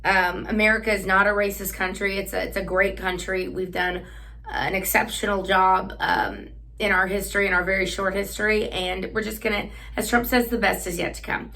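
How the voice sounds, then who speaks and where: A woman's voice: mid-range voice, little pitch movement, moderate pace, sharp tone. A woman hosting a political commentary monologue, talking in a sarcastic, combative way. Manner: sarcastic, combative, with frequent fillers and restarts. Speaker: host.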